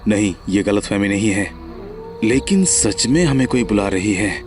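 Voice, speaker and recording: Level-headed cartoon youth, teasing, very lively pitch swings, a man voices him, slow pace. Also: soft background music. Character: calm sensible young man Laltu.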